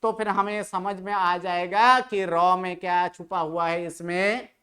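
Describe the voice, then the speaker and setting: A teacher giving a classroom grammar lecture, constantly quizzing students and slowly repeating their answers back. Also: medium pitch, fairly even intonation, fairly bright tone, clear, resonant tone.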